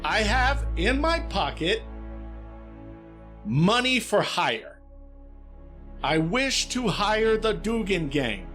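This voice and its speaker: A man voicing a nervous, polite male stranger, talking slowly and courteously. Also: high-pitched, sing-song, fairly bright tone, faint music behind, voice pushed up, full character voice. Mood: pleading. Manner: pleading, slow and courteous.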